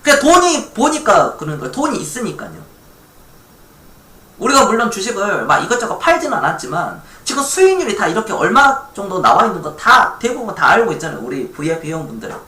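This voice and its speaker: Korean guy from gwangju doing a stock livestream, bouncy voice, bright tone, echoey room. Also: high-pitched, huge pitch swings, fast. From Gwangju, South Korea. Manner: chatty, reads viewer chat aloud, laughs lightly. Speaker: stock investment streamer. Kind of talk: casual live-stream talk.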